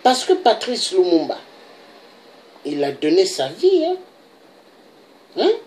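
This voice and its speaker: A woman's voice: mid-range voice, huge pitch swings, takes it slowly, a little mellow, a little hiss or hum. A woman from DR Congo giving an impassioned political monologue, pressing her points and often tagging them with a rhetorical "hein?". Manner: emphatic, repeats "hein?" for emphasis. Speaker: political commentator.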